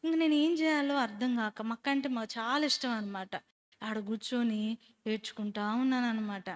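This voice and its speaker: High-voiced woman telling her testimony. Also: moderate pace. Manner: animated storyteller who quizzes listeners. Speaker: speaker giving a personal testimony. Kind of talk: storytelling testimony to a church group.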